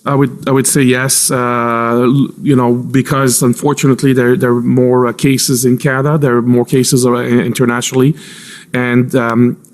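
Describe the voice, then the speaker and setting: Even-toned male official testifying, careful and halting. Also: mid-range voice. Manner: careful, halting, hedged with frequent pauses and repeats. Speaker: intelligence agency official testifying as witness. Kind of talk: formal testimony under cross-examination. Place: formal public inquiry hearing.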